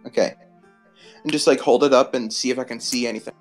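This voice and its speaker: A player in a tabletop game chats casually at a middle pitch, restarting and correcting himself mid-sentence. Faint music plays behind. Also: steady tone, quick pace. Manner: rambling, self-correcting.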